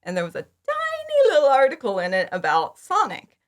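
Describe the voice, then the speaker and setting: High-pitched with huge swings in pitch, she talks a little fast. The speaker, a woman in her thirties and fan audio drama creator, is a podcast guest chatting casually in interview answers, enthusiastic, informal and full of giggles.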